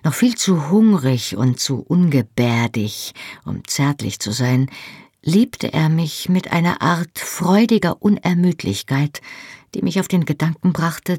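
A woman narrating a novel in the first person, in a measured and intimate storytelling manner, close to the mic. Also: low-pitched, darkish tone, slightly rough, dry recording. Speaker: audiobook narrator.

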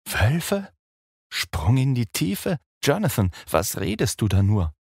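A man voicing a young woman who gently comforts her frightened fiancé in a hushed voice. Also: on the low side, expressive, normal speed, slightly rough, dry recording, studio quality, voice pushed up. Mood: bewildered.

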